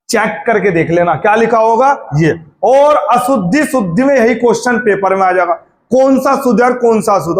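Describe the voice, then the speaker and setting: A man teaching as a Hindi tutor, who talks to his student informally and asks and answers his own questions. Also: high voice. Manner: drawls words out slowly to spell out sounds. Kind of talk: classroom-style video lesson.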